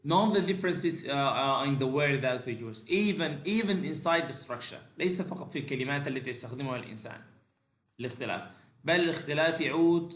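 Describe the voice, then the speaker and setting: A male language teacher, giving a bilingual lecture and moving between halting English and rapid explanations full of fillers and restarts. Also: a little high, a bit bright, reverberant.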